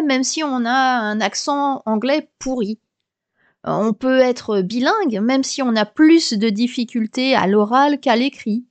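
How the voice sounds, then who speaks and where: A woman in her thirties or forties, from France, hosts a podcast with a high, light voice. She talks in a chatty, explanatory way with a touch of humour. The recording is close and dry, with no room sound. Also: no room sound. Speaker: podcast host. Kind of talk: scripted podcast monologue.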